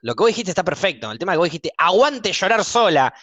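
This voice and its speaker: A man's voice: fairly high pitch, sing-song, rapid-fire, fairly bright tone, no echo. A man with a Rioplatense Argentine accent telling stories bluntly and jokingly in a casual podcast chat, with lots of slang. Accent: Rioplatense Argentine Spanish.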